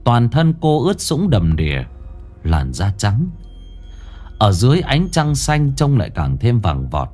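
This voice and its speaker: A man's voice: mid-range voice, wildly swooping pitch, measured pace, darkish tone, faint music behind. A man narrating a ghost story with dramatic, swinging delivery.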